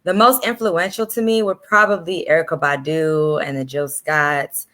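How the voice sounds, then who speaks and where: A woman speaks as a guest in a casual panel conversation. Her talk is relaxed and full of fillers. Her voice sits a little low but sounds very bright. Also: normal speed. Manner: relaxed, filler-heavy speech.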